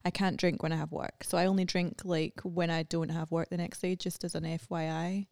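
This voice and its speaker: A woman's voice: on the low side, level tone, a little fast, vocal fry, a little mellow, dry recording. Woman, thirties, blunt, sarcastic, casual chat, dry close recording. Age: 30s.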